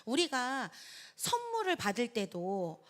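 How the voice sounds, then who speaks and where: Lively Korean woman teaching Bible study. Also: fairly high pitch, slow pace. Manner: animated storytelling, acts out quoted voices; chatty, laughs between points. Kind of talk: church Bible study lecture. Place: church hall.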